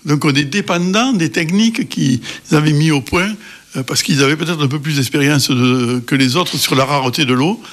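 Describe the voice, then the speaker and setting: Male guest expert, middle-aged, emphatic and lively, interview. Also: a little high, moderate pace. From Cévennes, France.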